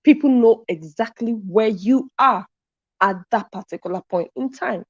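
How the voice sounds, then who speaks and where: On a live commentary stream, the host, a woman with a slightly high voice, goes through viewer comments at a moderate pace and emphasizes things by saying them again. The recording is dry, dull and lo-fi.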